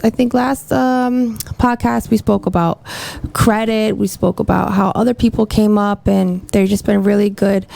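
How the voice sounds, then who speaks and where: Gravelly-voiced woman hosting a casual podcast. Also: mid-range voice, warm tone. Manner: rambling, upbeat, self-hyping. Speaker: podcast host, hairdresser. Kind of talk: casual interview chat. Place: mobile salon. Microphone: phone.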